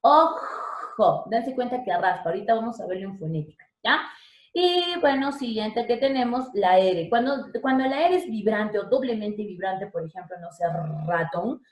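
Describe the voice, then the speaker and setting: A woman's voice: medium pitch, animated, moderate pace. A woman teacher giving a lesson, chatty and checking in with her students often. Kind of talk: online language lesson. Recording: roomy echo.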